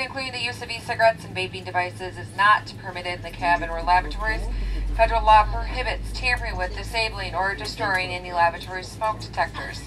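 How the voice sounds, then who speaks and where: A woman's voice: medium pitch, a bit bright. A woman flight attendant reading a scripted safety briefing over a cabin intercom. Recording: distant cabin PA with aircraft noise.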